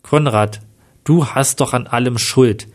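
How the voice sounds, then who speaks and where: A man's voice: mid-range voice, unhurried, lightly acted. A man reading the lines of a bitter, hot-tempered middle-aged investigator in a plain read-aloud manner. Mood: agitated.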